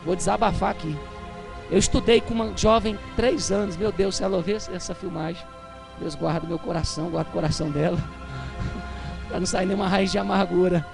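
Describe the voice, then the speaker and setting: High-voiced gravelly Brazilian preacher. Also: male voice, fairly even intonation, a little fast, faint music behind. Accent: Brazilian Portuguese. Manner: swings from chatty storytelling to fervent shouting. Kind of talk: Pentecostal sermon.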